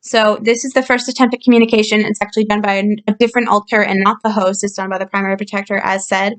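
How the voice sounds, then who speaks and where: A woman reading a story aloud and commenting on it in a calm, explanatory way, with frequent fillers, recorded on a computer's built-in mic. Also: mid-range voice, quick pace. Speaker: channel host reviewing a story. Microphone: built-in computer microphone.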